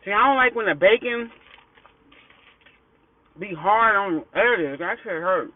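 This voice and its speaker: Sitting in a parked car, an American food vlogger does a mukbang, chatting to viewers in an animated, high voice at a slightly slow pace. He talks through mouthfuls and murmurs between bites, recorded with thin, phone-like audio.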